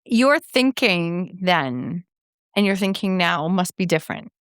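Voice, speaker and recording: A woman's voice: on the low side, expressive, measured pace, fairly bright tone, clean tone, no echo, clean studio sound. A woman hosting a podcast, introducing her guest and interviewing him with effusive enthusiasm. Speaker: podcast host.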